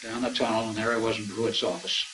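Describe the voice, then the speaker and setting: A man's voice: on the low side, steady tone, quick pace, background noise. An older man recounting personal experiences in a rambling, conversational way, acting out the dialogue as he goes. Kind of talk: anecdotal storytelling.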